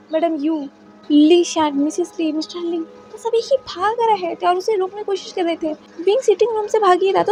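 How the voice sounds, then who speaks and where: A woman's voice: very high-pitched, darkish tone, low-quality recording. A woman narrating a fan fiction story in a dramatic retelling. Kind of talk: fanfiction narration.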